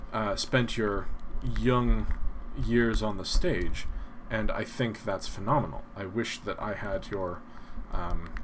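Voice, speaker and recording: A man with a soft, breathy voice hosts a casual live stream, sounding like an old-timey radio announcer. He speaks low and unhurried, rambling along in a self-deprecating way. The recording is rough, with faint noise behind him.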